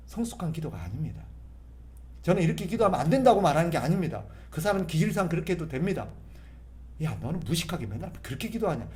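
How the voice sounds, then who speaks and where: A man preaching at a prayer meeting, his fairly high voice swinging widely between soft, prayer-like murmurs and emphatic bursts. He talks to the congregation as if chatting and answers his own rhetorical questions with force. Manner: conversational preaching, often acting out sample prayers and voices. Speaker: pastor. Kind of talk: sermon at a Friday prayer meeting.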